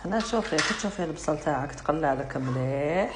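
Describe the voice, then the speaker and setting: Sassy low-voiced Algerian woman cooking. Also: expressive, fast, background noise. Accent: Algerian Arabic. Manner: chatty and sassy, teasing the viewer, slips into French. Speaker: cooking vlogger. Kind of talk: casual cooking demonstration. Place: home kitchen with food frying. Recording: echoey kitchen, loud sizzling pan.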